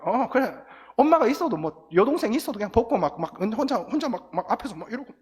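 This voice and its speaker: Lively husky man preaching in reverberant church. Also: very high-pitched, quick pace. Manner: animated storytelling, acts out crying and quotes. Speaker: guest pastor. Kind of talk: lively sermon to teenagers. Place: church sanctuary. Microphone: church sound system, recorded from booth. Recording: long church hall reverb.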